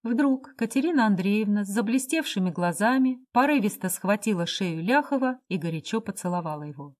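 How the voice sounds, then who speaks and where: A woman narrating a story as an audiobook, steady and expressive. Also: medium pitch, a little fast.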